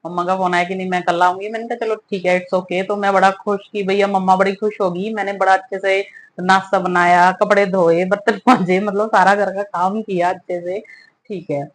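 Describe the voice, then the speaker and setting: A woman's voice: mid-range voice, normal speed. Chatty mother telling a home story. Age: middle-aged. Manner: chatty, animated, laughing often. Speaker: vlogger. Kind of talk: casual storytelling vlog.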